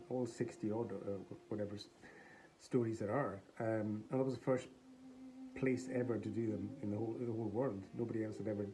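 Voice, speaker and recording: A mellow, low-voiced man chats casually in a vlog, showing off something he bought at a charity shop as a collector. He rambles, hesitates, and speaks haltingly, and the low-quality recording carries faint background noise.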